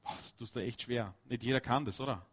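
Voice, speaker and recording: A man preaching a lively, chatty sermon, talking straight to his listeners with quick asides. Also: medium pitch, breathy edge.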